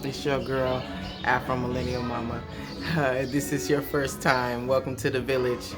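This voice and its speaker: A woman's voice: extremely low pitch, flat delivery, normal speed, over loud music. A woman in her thirties with an American accent, chatting casually and slangily to her vlog viewers. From Los Angeles, USA. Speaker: vlogger.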